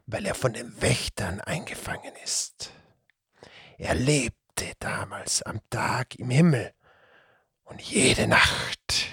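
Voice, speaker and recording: Storybook creature: sly hissing serpent with a cat's head, slow gravelly whisper, dry close sound; a man voices it. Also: medium pitch, pushed and bright, no room sound, voice pushed up, heavily acted. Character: sly whispering male Tatzelwurm, cat-headed serpent.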